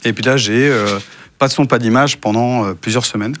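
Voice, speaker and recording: A man's voice: mid-range voice, fairly even intonation, normal speed, fairly bright tone. A man from France recounting his past work in a casual interview, with many hesitations, and acting out the dialogue he quotes. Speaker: guest, former intelligence officer.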